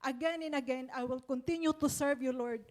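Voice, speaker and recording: A woman sharing a personal testimony of thanks at a church gathering, retelling events with lively quoted dialogue. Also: high voice, normal speed. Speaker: church member giving testimony.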